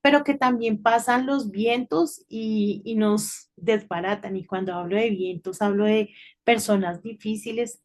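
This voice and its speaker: A middle-aged woman giving an informal devotional talk to children, telling a story in a chatty way and often checking in with a quick "right?". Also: mid-range voice, steady tone, a little mellow. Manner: chatty storytelling with frequent tag questions.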